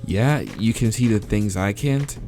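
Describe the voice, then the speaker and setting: Fairly low-pitched and mellow, the man's voice is expressive and unhurried. He reads lines from a visual novel against game music, pausing to swear and laugh in true let's play fashion.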